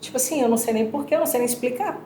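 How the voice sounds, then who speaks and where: A woman's voice: high voice, rapid-fire, slight background noise. A woman with a Brazilian accent chatting casually, telling a personal story full of fillers. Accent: Brazilian Portuguese. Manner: animated storytelling with many fillers. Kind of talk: casual chat. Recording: roomy sound with music behind.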